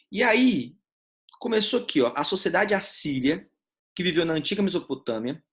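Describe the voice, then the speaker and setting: Brazilian man teaching a live online class. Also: on the high side. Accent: Brazilian Portuguese. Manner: explains step by step, asks students questions. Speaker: essay-writing teacher.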